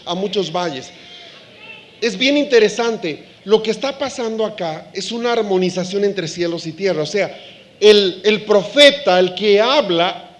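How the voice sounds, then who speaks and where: A man preaching a sermon to a live congregation, animated, acting out quoted voices and laughing along with the audience. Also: sits high.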